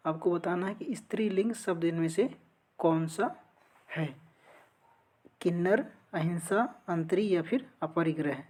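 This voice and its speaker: Going through multiple-choice quiz questions, a woman reads each one aloud and explains the answer as part of an exam-prep lesson. Her voice is low and darkish, and she speaks at a measured pace with frequent pauses.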